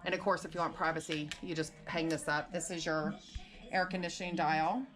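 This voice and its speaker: A woman with a fairly low voice gives a casual walking room tour, pointing things out as she goes. She sounds a little out of breath, and faint music plays behind her. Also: level tone, fairly quick, fairly bright tone. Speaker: vlogger giving a room tour.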